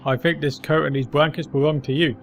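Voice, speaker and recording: A man's voice: on the high side, fairly even intonation, fairly quick, gravelly, soft background music. Guy doing his troll character for a video game, blunt, asking things straight out. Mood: questioning. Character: player's troll freelancer, blunt and forward. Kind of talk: video game dialogue read aloud.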